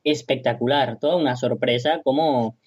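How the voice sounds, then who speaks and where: A man's voice: mid-range voice, moderate pace, darkish tone, slightly rough, no room sound, dull audio. A man speaking as a wrestling commentator, giving conversational, reflective analysis with his own opinions.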